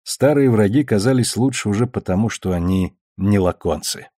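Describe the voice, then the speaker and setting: A man narrating a novel as an audiobook reader, in an even, measured way. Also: lowish voice, no room sound, studio quality.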